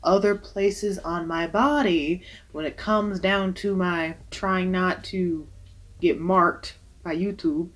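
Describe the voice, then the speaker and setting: A woman's voice: fairly low pitch, fairly even intonation, slow. A young woman who works as a waxer, giving casual, emphatic advice with jokey asides in a vlog.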